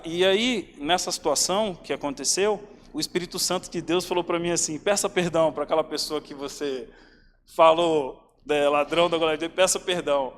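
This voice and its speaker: Informal preacher in an echoing church. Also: male voice, sits high. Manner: informal, addresses listeners as "cara" and "irmãos". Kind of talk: sermon. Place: church hall. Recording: reverberant church hall, faint ambient noise.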